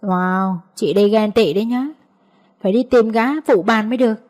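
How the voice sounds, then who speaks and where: A woman's voice: mid-range voice, normal speed, darkish tone, close to an everyday voice. Woman narrator as a brash, mock-drunk young woman. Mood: mock-drunk teasing. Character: brash young woman faking drunken slur, teasing her friend.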